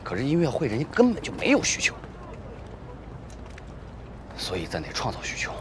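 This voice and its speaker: A man acting in a TV drama as a struggling music troupe founder, wheedling and animated. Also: medium pitch, brisk, background noise. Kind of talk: TV drama dialogue.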